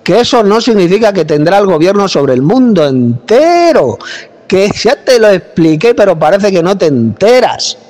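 Spanish guy preaching hard into his phone, kinda high voice, scolds a lot. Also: very animated, moderate pace, big-room sound. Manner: forceful, scolding, speaks with authority. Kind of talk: combative preaching monologue. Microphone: phone mic.

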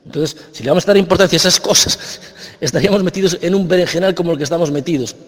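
A man's voice: a little high, fast, slightly rough, long reverb tail. A man with a Spain Spanish accent, arguing insistently and repeating his points in a heated religious debate. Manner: argumentative, insistent, repeats himself. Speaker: debate participant.

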